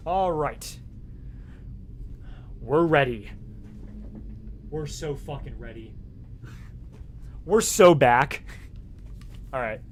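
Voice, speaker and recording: A man's voice: mid-range voice, lively intonation, extremely slow, pauses often, slight background noise. A man streaming a video game, chatting casually into a gaming headset from his home setup, rambling with plenty of fillers and frequent swearing. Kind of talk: casual livestream chat.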